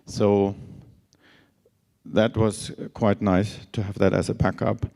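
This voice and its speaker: A slow, level-toned man with a low, mellow voice and some vocal fry lectures on instrument certification at a conference. He sounds scratchy after long travel and speaks hesitantly in a lecture hall, full of fillers and restarts.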